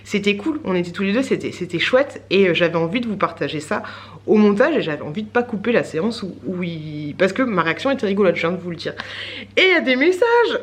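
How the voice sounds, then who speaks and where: A woman's voice: lowish voice, expressive, quick pace. A woman vlogger in her thirties, chatting casually to camera in a rambling way with lots of fillers and little laughs.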